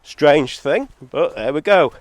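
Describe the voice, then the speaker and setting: This solo video maker, Zambia-born and based in England, speaks slowly and animatedly through a head cold, delivering an argumentative, meandering monologue laced with sarcasm. There's no echo, but the overly hot phone or camera recording clips and distorts.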